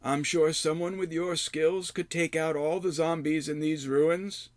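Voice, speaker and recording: A man voicing a gaunt old male hermit who chides slowly in a high, quavering voice. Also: fairly even intonation, no room sound, natural voice. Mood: chiding. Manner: slow, drawn-out, high quavering delivery. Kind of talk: audiobook character voice.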